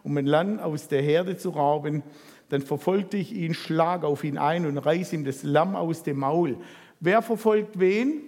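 A man preaching, retelling a Bible story and putting lively questions to the congregation. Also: a little high, a little slow. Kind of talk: sermon reading and retelling scripture. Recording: reverberant hall.

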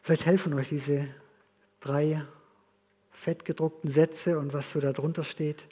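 A man's voice: on the high side, little pitch movement, a little slow, slightly rough. A man preaching a sermon and leading his congregation in prayer, earnest and direct. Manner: earnest, leads the congregation in a spoken exercise; softens to a hushed prayer. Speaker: pastor.

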